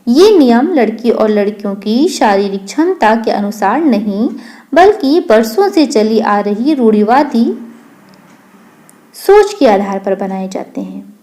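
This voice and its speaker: A woman narrating a children's story in a lively, explaining way. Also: on the high side.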